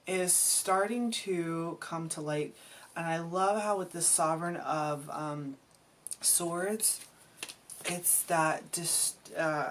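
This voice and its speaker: A low-pitched woman reads tarot cards aloud at an unhurried pace, searching for words and restarting her thoughts as she goes. Faint ambient noise sits behind her voice. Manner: musing, halting, emotional, trails off and restarts. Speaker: tarot reader. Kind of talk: intuitive tarot reading.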